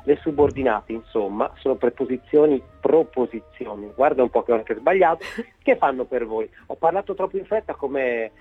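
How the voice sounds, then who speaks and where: Husky astrologer man on a phone line. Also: medium pitch, lively intonation, moderate pace, few pauses, faint music behind. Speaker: astrologer guest. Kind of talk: playful horoscope reading.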